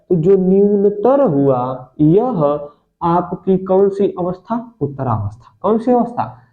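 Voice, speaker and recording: Guy teaching grammar real slow, keeps asking then answering himself, calls everyone friend, kinda higher voice. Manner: asks questions and answers them himself, repeating key words; addresses listeners as friends. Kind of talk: Hindi grammar lesson. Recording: phone-like lo-fi audio.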